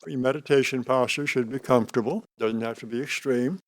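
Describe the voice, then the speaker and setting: An older man giving an unscripted spiritual talk on meditation as a teacher, speaking slowly and calmly in short, deliberate phrases with pauses. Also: medium pitch, no echo. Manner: slow, calm, deliberate delivery with pauses between short phrases.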